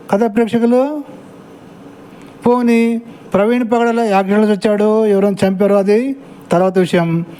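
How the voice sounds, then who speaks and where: A man's voice: high-pitched, warm tone, poor audio. A man giving an angry reaction commentary to clips, scornful and insulting, mocking the person he answers.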